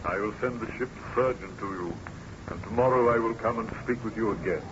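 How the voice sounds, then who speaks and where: An actor playing a courteous, concerned sea captain, formal and solicitous, in 1930s radio drama style. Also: male voice, on the low side, brisk, natural voice. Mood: soothing. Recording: muffled, noisy old radio recording.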